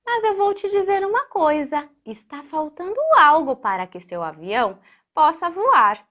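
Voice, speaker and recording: Woman as a helpful airport man, lively pitch. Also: a little slow, dull audio, full character voice. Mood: friendly, advising. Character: helpful adult male airport worker advising a child.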